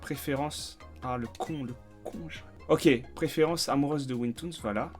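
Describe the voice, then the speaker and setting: A man's voice: medium pitch, moderate pace, soft background music. A young man streaming a game, chatting casually in slang and swearing freely. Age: young adult. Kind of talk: casual let's-play commentary.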